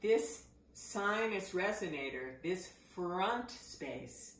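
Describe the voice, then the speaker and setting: A middle-aged woman teaches voice resonance slowly and deliberately. Her lowish voice has a bright, forward ring, and she shows each exercise with loud vocal sounds. The room adds a clear echo. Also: expressive, slight background noise. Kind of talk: voice exercise lesson. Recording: echoey room.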